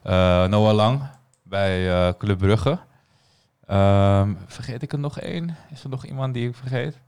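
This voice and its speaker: Laid-back young man, smooth voice. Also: on the low side, a little slow. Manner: relaxed, slangy, peppered with "nice" and "man". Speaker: podcast host. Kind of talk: casual football podcast chat.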